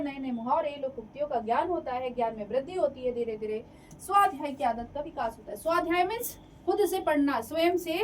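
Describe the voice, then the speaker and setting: High-voiced woman teaching a lively lecture. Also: far from the mic, slight background noise, low-quality recording. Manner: lively, repeats and checks for understanding. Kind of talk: exam-prep lecture.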